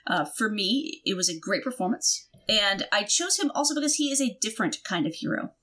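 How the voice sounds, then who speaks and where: A woman's voice: mid-range voice, expressive, brisk, a bit bright. A woman co-hosting a podcast, giving earnest, emphatic opinions in casual chat. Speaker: podcast co-host.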